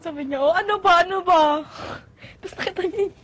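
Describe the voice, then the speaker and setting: A woman's voice: very high voice, quick pace, a bit bright. A young woman vlogger in casual gossip chat, giggling and retelling stories with animation.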